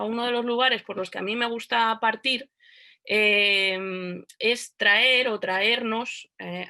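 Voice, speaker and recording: Una mujer da una conferencia por videollamada y habla sin prisa, pensando en voz alta. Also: female voice, fairly high pitch, gravelly, pushed and bright. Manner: unhurried, thinking aloud. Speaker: guest lecturer. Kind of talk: online lecture. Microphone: video call.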